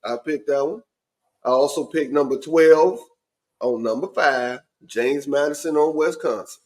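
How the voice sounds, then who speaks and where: A man's voice: fairly high pitch, measured pace. A man hosting a podcast, talking casually with his friends in an informal, colloquial way. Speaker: podcast host. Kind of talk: casual sports talk among friends.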